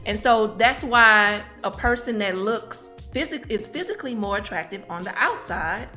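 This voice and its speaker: A woman with a bright, forceful voice co-hosts a casual talk podcast, laying out her points with emphatic, drawn-out explanations. Faint music sits in the background. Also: mid-range voice, animated. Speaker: podcast co-host. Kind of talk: casual chat.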